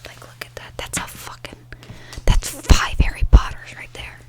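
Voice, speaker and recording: A woman whispers in a breathy voice, chatting in a casual, rambling, slangy way for ASMR. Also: normal speed. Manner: informal, slangy, sweary, rambling. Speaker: ASMR video host. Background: nail tapping and page fluttering.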